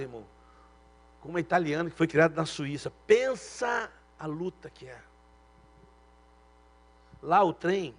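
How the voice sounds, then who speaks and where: A man's voice: high-pitched, slightly rough. A man preaching an informal sermon in a Carioca Brazilian accent, slangy and chatty, often calling listeners brother and acting out dialogue. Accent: Carioca Brazilian Portuguese. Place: church hall.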